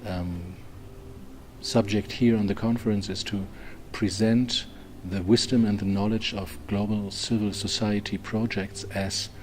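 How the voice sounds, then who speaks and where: A man's voice: fairly low pitch, steady tone, a little slow, a little hiss or hum. A man from Germany giving a short self-introduction, carefully searching for his words.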